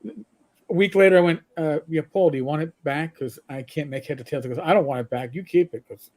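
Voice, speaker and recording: A bit fast and on the high side with a darkish tone, a middle-aged man chats casually while co-hosting a gaming livestream. He rambles, restarts with stammers, and swears occasionally.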